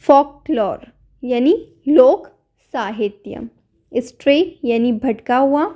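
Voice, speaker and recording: This is a woman with a high, light voice, teaching an English lesson in Hindi. She goes through word after word at an even, patient pace, repeating each one before she explains it. It sounds like a recorded voice-over for a classroom video.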